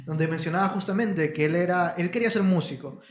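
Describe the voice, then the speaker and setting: Un hombre que cuenta una historia de forma pausada durante una charla informal. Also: male voice, high-pitched, reverberant. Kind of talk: casual podcast discussion.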